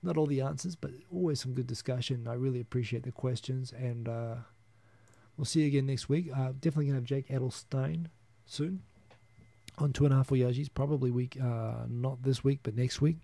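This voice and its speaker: A man's voice: medium pitch, fairly even intonation, brisk, creaky, dark tone, no room sound. A man in his thirties with a New Zealand accent, hosting a casual solo live stream, rambling and chuckling as he reads viewer comments. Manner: rambling, chuckling, frequent restarts.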